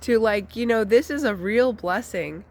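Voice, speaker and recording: With a slightly high voice and a measured pace, this vlogger chats through a candid life update for her channel. She uses lots of fillers, and her voice sounds congested after a recent flu.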